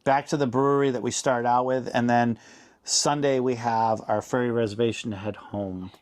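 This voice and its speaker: Man, travel vlog host, easygoing chatty talk, mid pitch. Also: steady tone, normal speed. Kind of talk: casual travel chat.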